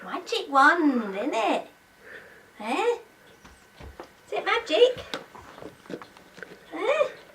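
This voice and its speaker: An older woman, coaxing a toddler in sing-song baby talk at home, sometimes dropping to soft murmurs. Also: very high-pitched, very animated, very slow, long pauses, reverberant. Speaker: grandmother playing with a toddler. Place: family home, indoors. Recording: distant home-video audio with background noise.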